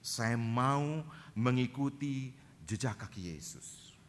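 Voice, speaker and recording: A man's voice: mid-range voice, slow. A man preaching a sermon as a pastor in a church, dramatic and acting out quoted dialogue. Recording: reverberant church hall, faint noise.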